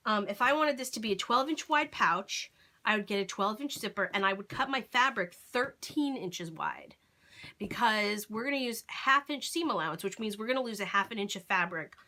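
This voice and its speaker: A woman's voice: medium pitch, lively intonation, moderate pace, pushed and bright. A woman hosting a casual sewing tutorial, explaining each step aloud and checking in with "okay?" as she works. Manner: thinks aloud while sewing, with fillers and self-corrections. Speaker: crafting tutorial host.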